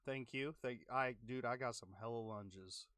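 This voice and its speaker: A man's voice: medium pitch, fairly bright tone, no echo, clean studio sound. Chatty young man with a worn voice. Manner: chatty, reacts to play with quick exclamations. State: losing his voice, clearing his throat. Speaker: gaming streamer. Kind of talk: casual gameplay commentary.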